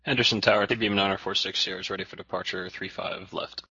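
A man's voice: deep voice, steady tone, quick pace, sharp tone, husky, no room sound. A man speaking as a pilot, making short procedural radio calls. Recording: dull lo-fi radio audio.

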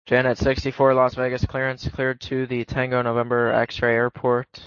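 A man working as an air traffic controller, issuing clearances in clipped radio phraseology. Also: medium pitch, completely flat delivery, normal speed, no echo. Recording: dull lo-fi radio audio.

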